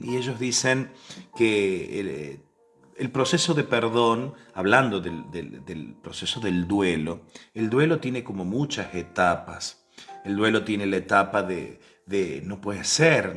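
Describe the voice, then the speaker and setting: A man's voice: on the low side, fairly bright tone. An Argentine man giving a novena talk with a personal story, speaking conversationally with restarts and questions to the listeners. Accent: Rioplatense Spanish. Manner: acts out the voices in his story. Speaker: preacher.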